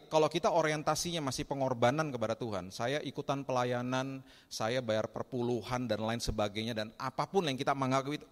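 A male pastor delivers a sermon with a mid-range voice, telling stories with lively energy. He acts out people's pleas by lifting his voice, and his words ring out with the long reverb of a large church hall. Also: medium pitch. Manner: lively storytelling, acting out people's pleas in a raised voice.

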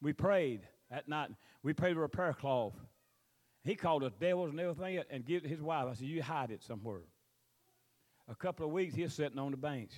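High-voiced Southern preacher man with a drawl. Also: brisk, darkish tone. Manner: folksy, rambling, with drawled, stretched-out scripture phrases. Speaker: pastor preaching to his congregation. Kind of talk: sermon, mixing scripture reading with plain exhortation.

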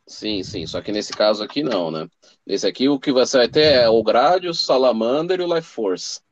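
A man's voice: mid-range voice, expressive, normal speed, dry recording, muffled recording. A man with a Brazilian Portuguese accent co-hosting a casual podcast, laid-back and easygoing in manner. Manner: laid-back, drops "cara" a lot. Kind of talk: casual chat.

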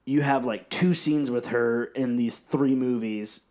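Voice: mid-range voice, measured pace, darkish tone. A podcast co-host chatting casually and sharing trivia in a dry, matter-of-fact way. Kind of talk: casual chat.

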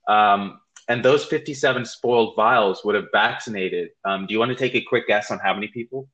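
A man co-hosts a casual podcast chat, laughing easily as he tells stories and hedging his words with care. His voice is fairly low and fairly bright, he speaks fairly quickly, and the sound is lo-fi.

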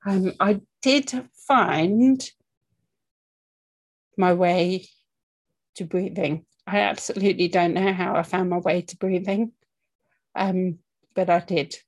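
Speaking to camera in a lowish voice, this woman is a breathing coach discussing anxiety and breathing in a candid, conversational way. Her delivery is slow and halting with long pauses, and she keeps checking in with listeners through "okay" and "yeah."

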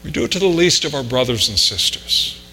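A man's voice: mid-range voice, expressive, a little fast, sharp tone. A man preaching a conversational sermon with anecdotes, pressing harder on his key points. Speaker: pastor. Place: church sanctuary. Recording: reverberant hall with mains hum.

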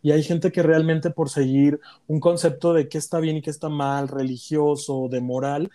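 A man's voice: on the high side, normal speed. A young man with a Mexican Spanish accent, candidly telling a personal story in casual chat and acting out the voices of people in it. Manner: candid, animated, acts out quoted voices. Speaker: guest telling his story.

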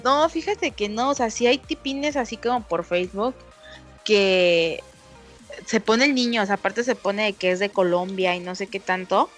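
A woman's voice: medium pitch, normal speed, faint music behind. A young Mexican woman in casual chat, telling stories and acting out the messages she quotes. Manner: animated storyteller, acts out quoted messages.

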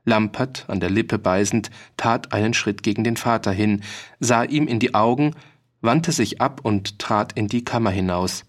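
A man narrating an audiobook in a calm, even storytelling manner. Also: fairly low pitch, normal speed.

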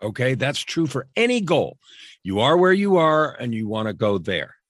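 A middle-aged man, a coach and podcast guest, talking earnestly in a repetitive, emphatic way, his voice dropping low on key phrases. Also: big pitch swings, normal speed, no echo, studio quality. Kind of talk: motivational interview talk.

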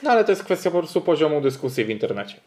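A man's voice: on the high side, sing-song, darkish tone. Hesitant man wrapping up a podcast. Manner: hesitant, many fillers, measured. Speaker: podcast co-host. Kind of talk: casual podcast chat.

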